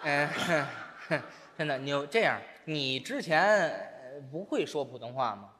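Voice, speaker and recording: A man's voice: a little high, very animated, measured pace, noisy background. A man performing stage crosstalk comedy as a coaxing, bossy straight man. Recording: live hall with faint ambience.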